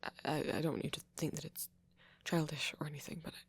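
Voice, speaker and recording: Playing a timid young vampire, a man with a British accent stumbles over his words, sounding shy and flustered as he apologizes. The pitch leans high with a level tone, and his delivery is soft, breathy, and frequently near a whisper in this intimate ASMR boyfriend roleplay.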